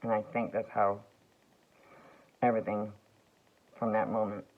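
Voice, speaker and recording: A man rambling through a slow, halting vlog monologue full of fillers and restarts. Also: fairly low pitch, level tone. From United States. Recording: tinny phone-like sound.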